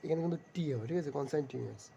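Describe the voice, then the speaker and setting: Male teacher, dark gravelly voice, slow patient spelling drills, faint noise behind. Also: a little high. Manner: spells words slowly, repeats them many times. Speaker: vocabulary teacher. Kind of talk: spelling lesson, letter by letter.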